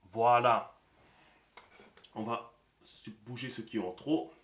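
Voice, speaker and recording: Thinking aloud while writing out a script in a screen-recorded lesson, a male teacher drops plenty of fillers. He speaks slowly in a mid-range, fairly bright voice with fairly even intonation.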